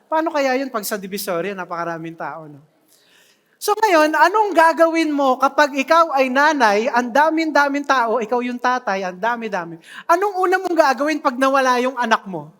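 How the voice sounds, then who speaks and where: A preacher giving an animated sermon in a church, joking with the congregation. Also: high-pitched, normal speed. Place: church hall. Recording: long reverb of a church hall.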